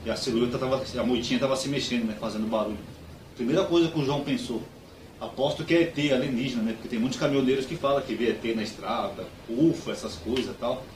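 A man with a Brazilian accent telling jokes as a lively storyteller who acts out the dialogue, recorded far off in an echoey room. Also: medium pitch, fast talker, a little hiss or hum. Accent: Brazilian Portuguese. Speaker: joke teller.

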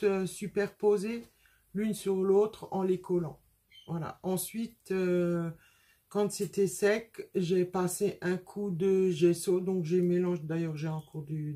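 A woman's voice: on the low side, dark tone. A woman hosting a casual craft tutorial from her home workspace, talking in a chatty way with many hesitations.

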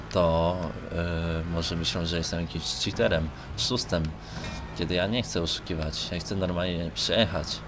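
Over his gameplay, a deep-voiced young man from Poland, a gaming video creator, talks in a rambling, colloquial and hesitant way. The home mic recording is noisy, with the game's car engines audible in the background.

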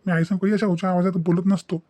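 A man dubs a cartoon son in a comic family drama, defiantly lecturing his mother in a Vidarbha Maharashtrian dialect, indignant and principled. He speaks fast in a high, warm voice with flat delivery and no echo.

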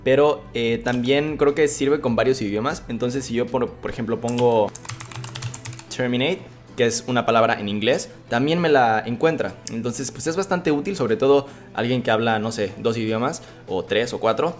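A young man giving a relaxed, chatty software tutorial, full of fillers and restarts. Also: mid-range voice, normal speed, soft background music. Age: young adult. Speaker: tech YouTuber.

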